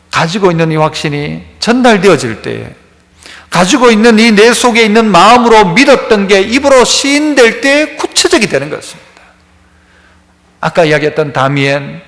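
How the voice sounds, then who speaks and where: A man's voice: high voice, fairly bright tone, big-room sound. A man with a Gyeongsang Korean accent, a pastor preaching a sermon in a church, who acts out everyday dialogues in a casual voice. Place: church sanctuary.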